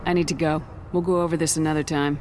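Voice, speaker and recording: A woman's voice: low-pitched, level tone, quick pace, noisy background, lightly acted. A woman playing a tough, businesslike space-soldier commander in a video game, direct in manner. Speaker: military commander.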